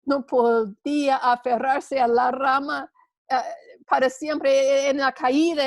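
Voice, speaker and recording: Woman Bible teacher, high voice, slow and earnest, dry close sound. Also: dry recording. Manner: earnest, storytelling, with small restarts. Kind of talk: church women's class teaching.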